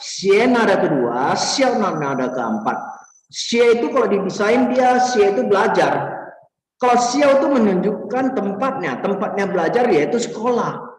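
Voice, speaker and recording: A man teaching Mandarin vocabulary, explaining each word slowly and adding "ya" to check understanding. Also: high voice, expressive. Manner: slow, explanatory, frequent "ya" tags. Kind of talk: vocabulary lesson. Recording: echoey room, voice a bit distant.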